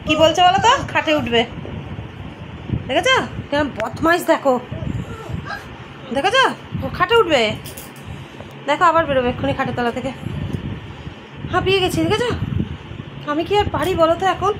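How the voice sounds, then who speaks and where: A middle-aged woman talks to her viewers as friends in a relaxed home vlog, her voice pitched high. She is filmed on a phone camera indoors, with a faint hum of street traffic behind her. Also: brisk, long pauses. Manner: chatty, addresses viewers as friends, coos at pet. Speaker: vlogger. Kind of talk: casual home vlog narration.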